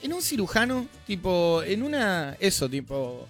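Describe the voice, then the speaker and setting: A man's voice: sits high, very animated, measured pace, soft background music. A man, co-hosting a casual chat and riffing playfully in slang. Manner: playful, riffs on scenarios, slangy.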